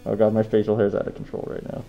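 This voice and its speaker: A man with a deep, low voice chats with strangers on a video call. He stays calm and dry and keeps teasing them. He talks from inside a fursuit head. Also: fast, creaky, lo-fi sound, soft background music. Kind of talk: casual video chat. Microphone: talking from inside a fursuit head.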